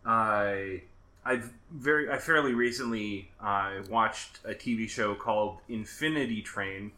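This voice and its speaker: A man from Minnesota hosting a casual podcast, chatty and quick with asides and self-corrections. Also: fairly low pitch, sharp tone. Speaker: podcast host.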